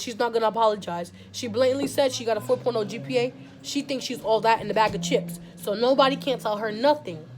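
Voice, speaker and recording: Young woman vlogger, fairly high voice, heated, rambling run-on opinion talk. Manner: heated, talks in long run-on streams with many likes. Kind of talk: casual opinion vlog.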